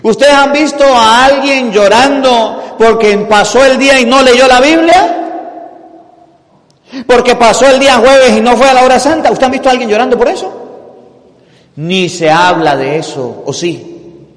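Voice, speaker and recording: High-voiced Venezuelan priest preaching in church. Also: male voice, moderate pace. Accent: Venezuelan Spanish. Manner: rhetorical questions to the congregation, emphatic then dropping to soft asides. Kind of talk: sermon. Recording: long church reverb.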